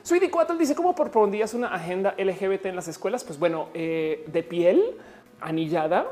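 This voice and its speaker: A woman's voice: medium pitch, lively intonation, normal speed, darkish tone, soft background music. A woman with a Mexican accent hosting a live stream, chatting casually and explaining things as she reads viewer messages aloud. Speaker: live-stream host answering chat. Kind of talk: casual chat.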